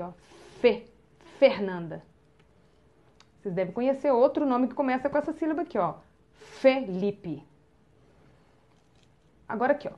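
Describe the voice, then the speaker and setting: A woman with a Brazilian Portuguese accent teaching children to read, sounding out syllables slowly and clearly. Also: on the high side, dull audio. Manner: slow, drawn-out sounding of syllables to the viewer. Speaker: literacy teacher. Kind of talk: children's phonics lesson.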